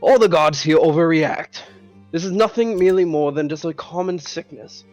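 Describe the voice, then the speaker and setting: Man playing a pompous mustache-twirling villain lord, high-pitched. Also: moderate pace, a little mellow, soft background music, lightly acted. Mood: dismissive.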